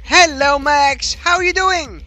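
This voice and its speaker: Man through a high pitch-shifting voice changer. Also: unhurried, pushed and bright, soft background music. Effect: voice changer raising the pitch. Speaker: streamer host. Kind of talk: casual live-stream chat.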